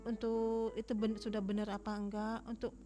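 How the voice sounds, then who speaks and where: A woman guest on a radio talk show, explaining her craft in an unhurried, step-by-step way. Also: a little high, monotone, dark tone, faint music behind. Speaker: guest, crochet shop owner.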